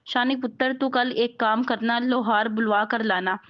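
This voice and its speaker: A woman's voice: a little high, fairly even intonation, measured pace, lightly acted. A woman narrator voicing an affectionate elderly mother, on a dull lo-fi recording. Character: loving elderly mother, warm and fussing.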